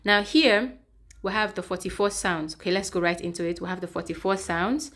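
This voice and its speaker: A woman's voice: medium pitch, steady tone, a little fast, a bit bright. A woman teacher giving a step-by-step pronunciation lesson, repeating sounds and checking in with "okay". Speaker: English teacher. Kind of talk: classroom-style pronunciation lesson.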